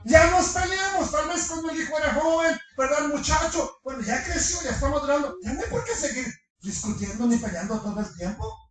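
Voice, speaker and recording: A middle-aged man preaching a sermon to his congregation, animated, firing rhetorical questions and slipping in humorous asides. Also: very high voice, brisk. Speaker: pastor. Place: large congregation hall. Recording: echoey hall from far off.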